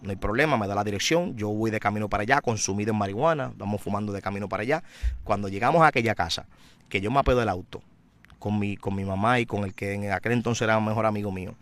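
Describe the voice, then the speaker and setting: A man giving a personal testimony in an interview, a vivid, dramatic storyteller who grows louder and more intense. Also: fairly low pitch, quick pace.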